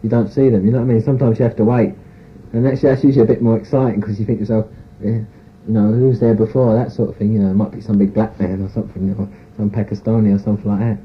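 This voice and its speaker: A man's voice: on the low side, little pitch movement, rapid-fire. A man, giving a frank, rambling personal account in an interview, full of "you know" and "sort of". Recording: tinny phone-like tape recording with faint hiss.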